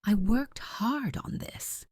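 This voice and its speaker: A woman's voice: a bass voice, sing-song, measured pace, creaky, a little mellow, no room sound, clean studio sound, heavily acted. A woman doing a prim snippy older sister. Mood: wounded.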